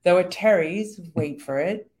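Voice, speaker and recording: A woman in casual faith talk, earnestly explaining and reading scripture verses slowly. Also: lowish voice, a little mellow.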